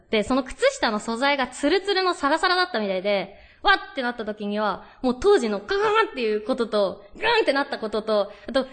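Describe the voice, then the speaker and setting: A young woman hosting a radio talk show, chatting through stories and reading out listener mail. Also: on the high side.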